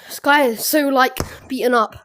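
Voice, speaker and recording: A woman's voice: high-pitched, moderate pace, fairly bright tone. A woman giving casual commentary on her own gameplay, breathing heavily from exertion. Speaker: gamer narrating own gameplay. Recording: music behind the voice. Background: game music and announcer.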